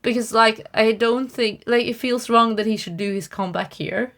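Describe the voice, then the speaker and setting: A woman's voice: a little high, normal speed, a bit bright. A young woman co-hosting a casual podcast, chatty and wry, full of fillers and restarts. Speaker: podcast co-host. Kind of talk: casual chat.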